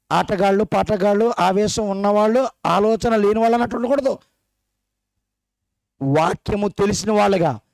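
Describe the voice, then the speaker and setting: A man with a fairly high voice delivers a sermon at a church gathering. He keeps throwing questions at his listeners and teases them along the way. The recording is dry and close, with little room sound. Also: darkish tone, no room sound. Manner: questions the congregation directly and teasingly. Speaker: preacher. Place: church meeting hall.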